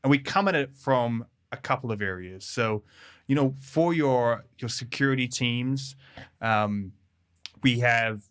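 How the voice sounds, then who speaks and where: The guest is a New Zealand man working as a developer advocate, with a bright, clean tone at a medium pitch, talking in an unhurried way during a casual podcast interview. Friendly and easily amused, he uses many fillers and frequently restarts his thoughts.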